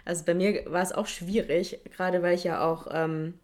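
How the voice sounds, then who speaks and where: A woman's voice: on the low side, steady tone, normal speed, darkish tone. A woman from Germany speaking casually and reflectively, telling personal stories with fillers. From Germany, Stuttgart. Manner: reflective, storytelling with frequent fillers. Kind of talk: casual conversation.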